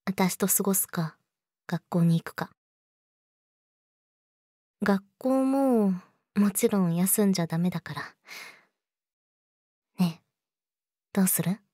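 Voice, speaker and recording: A woman's voice: mid-range voice, slow, pauses often, warm tone, dry recording, studio quality. A woman playing a young, clingy yandere girlfriend in an intimate audio drama, sweet and eerily obsessive, coaxing the listener. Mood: apologetic, clingy.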